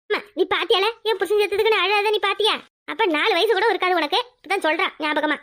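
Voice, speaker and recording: A woman's voice: very high voice, fast, bright, forceful tone. A woman voicing a scolding yet caring old village grandmother in a cartoon, with a Tirunelveli Tamil accent. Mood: fretting. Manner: scolding, fussing, chatty. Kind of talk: cartoon voice acting.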